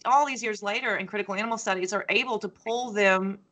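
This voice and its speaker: A woman hosting an academic interview, a sociology teacher who talks with enthusiasm and animated asides. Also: medium pitch, quick pace. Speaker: podcast host, sociology teacher.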